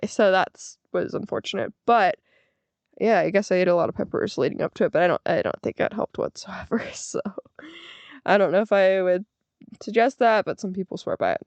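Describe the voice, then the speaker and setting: A young woman talks casually into a podcast mic, rambling and correcting herself as she goes. Her voice is smooth, with a gravelly edge at the ends of her phrases. The sound is dry and close, with no room around it. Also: lowish voice, no echo. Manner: chatty, rambling, self-correcting with laughs. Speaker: podcast host. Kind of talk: casual solo podcast chat.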